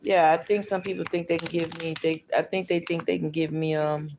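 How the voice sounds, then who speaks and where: A woman's voice: sits low, flat delivery, fairly quick, noisy background. A middle-aged or older woman with toothless, slightly slushy articulation, chatting casually as she reads tarot on a livestream and repeating her phrases. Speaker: tarot card reader.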